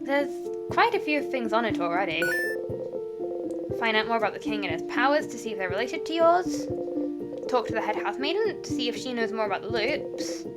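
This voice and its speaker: A woman's voice: on the high side, lively intonation, a little fast, over loud music, lightly acted. A woman voicing an anxious young traveler while reading game dialogue aloud, earnest and nervously reassuring herself.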